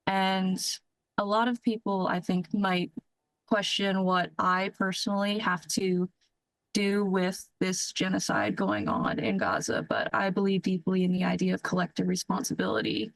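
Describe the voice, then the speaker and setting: A woman's voice: on the low side, lively intonation, normal speed, dry recording, low-quality recording. A young woman, an active duty Air Force lieutenant, answering in a news interview, earnest and careful with frequent restarts.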